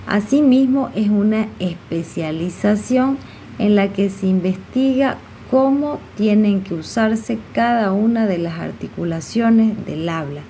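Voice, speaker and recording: Slow, mellow-voiced woman teaching. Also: medium pitch, a little hiss or hum. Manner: slow, with frequent fillers and checking questions. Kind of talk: explaining a lesson.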